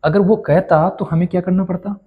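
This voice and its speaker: A man's voice: high-pitched, steady tone, brisk, narrow, tinny audio. A man teaching a maths lesson, who keeps asking his students questions and then answers them himself. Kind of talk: classroom-style maths lesson.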